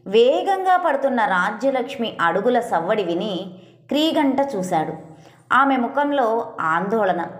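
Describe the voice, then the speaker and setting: Woman storyteller, scripted narration, steady literary reading, high voice, echoey room.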